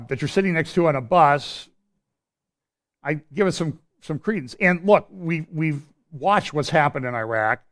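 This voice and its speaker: A man's voice: on the high side, a bit bright, clean tone. Opinionated man giving a prophecy update. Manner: explains while pointing at a map on screen. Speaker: church prophecy update presenter. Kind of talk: conversational commentary.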